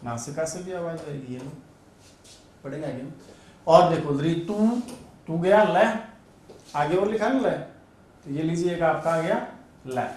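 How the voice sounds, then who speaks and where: A man's voice: on the high side, lively intonation, measured pace, long pauses, a little mellow. A male Sanskrit teacher giving an online grammar lesson, drilling sounds aloud and asking and answering his own questions. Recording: very echoey room, voice a bit far from mic.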